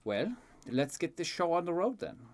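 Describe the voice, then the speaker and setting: Man putting on a brusque, high-pitched circus boss. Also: very animated, normal speed. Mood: commanding. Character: impatient, commanding, mocking male circus boss. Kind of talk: tabletop role-play.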